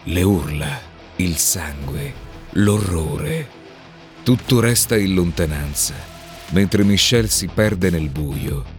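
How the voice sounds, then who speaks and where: A man narrates an audio drama in a very deep voice, slow and solemn. Soft music sits behind him.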